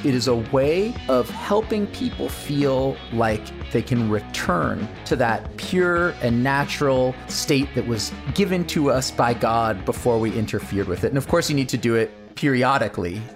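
A man speaks as an interviewed expert, slow and reflective. Guitar music plays clearly underneath his voice. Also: mid-range voice, lively intonation.

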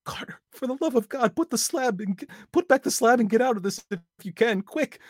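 A man voicing a terrified, frantic friend calling up from a crypt, with high panicked shouting. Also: expressive, brisk, no echo, studio quality. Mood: frantic screaming.

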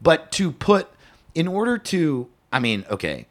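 A man co-hosting a podcast in casual chat, swearing often and thinking out loud with restarts. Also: fairly high pitch, a little slow. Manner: animated, swears a lot, thinks aloud with restarts. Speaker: podcast co-host.

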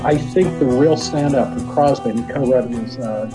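A man's voice: medium pitch, normal speed, low-quality recording. A man co-hosting a casual music discussion, rambling and full of "you know," talking enthusiastically. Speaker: podcast co-host.

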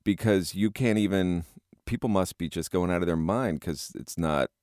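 A man's voice: low-pitched, moderate pace, darkish tone, no echo, studio quality. A man hosting a podcast, asking questions in casual interview chat.

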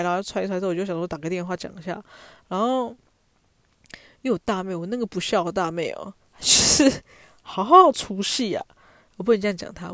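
A woman's voice: mid-range voice, a little mellow, no room sound, studio quality. A young woman with a Taiwanese Mandarin accent, telling stories in a chatty, self-mocking way as a podcast host. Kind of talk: casual storytelling monologue.

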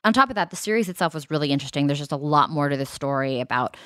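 A woman's voice: deep voice, lively intonation, very fast, fairly bright tone, no echo, studio quality. A woman co-hosting a true crime podcast in a conversational style. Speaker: podcast co-host.

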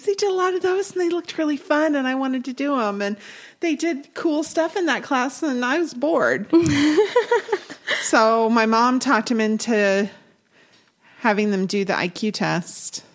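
A woman co-hosting a podcast, chatting casually and telling stories in an animated, self-deprecating way. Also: on the high side, normal speed. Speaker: podcast co-host. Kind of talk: casual chat.

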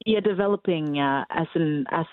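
A Norwegian woman in her twenties, a musician, answers interview questions in English during a casual call, often pausing hesitantly as she searches for words. Her voice is deep with no room sound, and it comes through a tinny, phone-like line.

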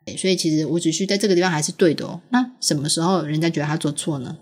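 A woman's voice: deep voice, rapid-fire, darkish tone. A woman, patiently explaining a story to her young daughter, asking questions and laughing often. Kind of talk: casual storytelling chat with a child.

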